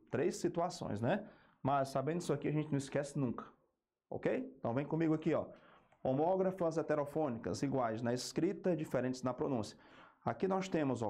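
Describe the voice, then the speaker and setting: A Brazilian man teaching an exam-prep grammar lesson, slowing down to spell out key terms and checking in with a quick "ok?" between points. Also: a little high, warm tone. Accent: Brazilian Portuguese.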